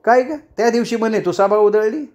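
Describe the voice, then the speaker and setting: A man's voice: high voice, a little fast, darkish tone, voice pushed up, close to an everyday voice. A man doing a teasing older woman friend. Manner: teasing, scolding, familiar. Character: sharp-tongued middle-aged woman friend, teasing.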